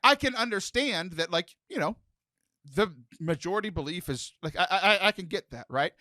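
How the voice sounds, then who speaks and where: A man's voice: sits high, lively intonation, normal speed, sharp tone, no room sound, clean studio sound. A young man hosting a casual podcast chat, joking and talking with lots of fillers and restarts. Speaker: podcast host.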